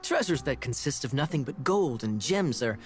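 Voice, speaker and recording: A theatrical, boastful young man played by a male actor in a fantasy game, speaking in grand, old-fashioned phrases. His pitch swings widely, and loud music plays behind him. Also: big pitch swings, moderate pace, natural voice. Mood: grand, secretive. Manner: grandiose, archaic, dramatic phrasing. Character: theatrical boastful young male eye-patched treasure seeker. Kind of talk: video game voice acting.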